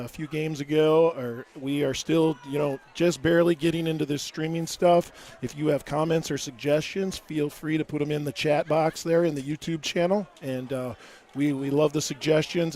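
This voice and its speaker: This is a man announcing a local high school football game. His voice sits a little high and sounds scratchy, as if he is still getting it back. He talks in a loose, friendly way and trips over a word now and then. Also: steady tone, normal speed, a little mellow. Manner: chatty, folksy, stumbles over words. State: scratchy voice, recovering. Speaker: play-by-play announcer.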